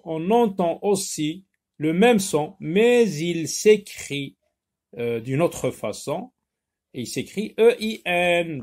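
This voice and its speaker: A man teaching a French phonics lesson, repeating words slowly and spelling out letters. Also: a little high, a little mellow. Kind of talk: slow, drawn-out phonics lesson.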